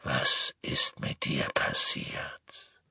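A man voicing a savage male werewolf who gloats over his captives, speaking slowly in a rasping, half-whispered growl. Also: bright, forceful tone, no room sound, studio quality, exaggerated voice. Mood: menacing. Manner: slow, menacing, relishing cruelty. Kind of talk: audiobook character voice.

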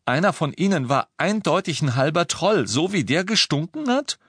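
A man's voice: on the high side, big pitch swings, normal speed, fairly bright tone, husky, dry recording, voice pushed up, full character voice. A man voicing a young wizard who pleads and defends himself. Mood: defensive.

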